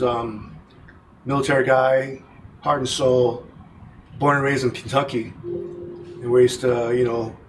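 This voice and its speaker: A laid-back man from Japan tells his story on camera and keeps dropping "man" and "you know". His voice stays flat and even, with a faint hiss of room noise behind it. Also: mid-range voice. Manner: relaxed, rambling, says "man" and "you know" often. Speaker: interviewee. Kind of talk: casual on-camera interview.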